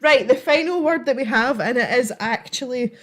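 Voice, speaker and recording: Scottish lady streamer, highish voice, giggly casual chat with her viewers. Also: moderate pace. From Scotland. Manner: giggly, informal, chatty. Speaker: livestream host. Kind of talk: casual chat to a live audience.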